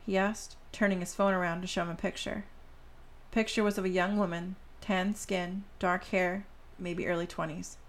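Gravelly-voiced woman podcast host. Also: fairly low pitch, level tone, moderate pace. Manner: addresses listeners directly. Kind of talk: reading a story aloud and chatting with listeners.

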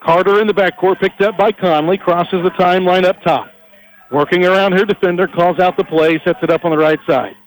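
A man calling college basketball on a headset mic, his voice set high and bright. He rattles through passes and dribbles at speed and jumps higher when a shot drops. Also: low-quality recording. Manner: rapid energetic calls, rising on big plays. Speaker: play-by-play announcer. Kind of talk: live basketball play-by-play.

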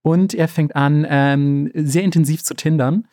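A man co-hosting a podcast, retelling a fairy tale in a relaxed, slangy way with many fillers. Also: a little high, measured pace. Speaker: podcast co-host. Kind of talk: casual storytelling chat.

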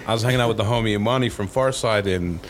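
A man interviewing someone in a relaxed, slang-filled, conversational way. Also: lowish voice, fast, a little hiss or hum. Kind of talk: casual slangy chat.

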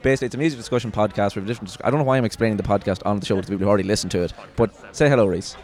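Brief: male podcast host, low voice, rapid joking ramble. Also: a little mellow. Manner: joking, rambling, swears casually. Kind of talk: casual chat. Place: merch market stall.

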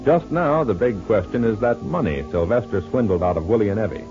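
This announcer has a fairly low, expressive voice and a brisk delivery as he sells a product and sets up the serial with salesman-like eagerness. It's an old radio show, heard through a muffled transcription with music and an old-broadcast quality.

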